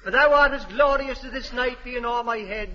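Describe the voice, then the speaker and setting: A man's voice: very high voice, normal speed, noisy background. An actor playing a naive, eager young man who wants to act, earnest and overdramatic when he recites. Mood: hammy. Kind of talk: 1940s radio comedy acting. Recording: muffled old radio recording.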